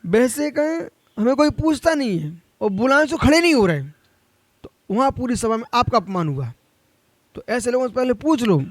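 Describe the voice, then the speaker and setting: A man with a notably high voice delivers a monk's sermon, scolding and exhorting his listeners directly. His pitch climbs on emphatic points, and the sound is dry and close, with no room echo. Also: sing-song, normal speed. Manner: admonishing, addresses listeners directly. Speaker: Jain monk.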